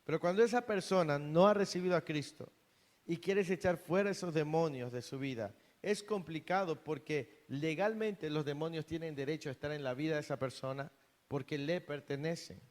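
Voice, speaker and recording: A man's voice: a little high, normal speed. A man preaching a sermon in a church hall, earnest, often repeating and restarting words. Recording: long reverb of a hall.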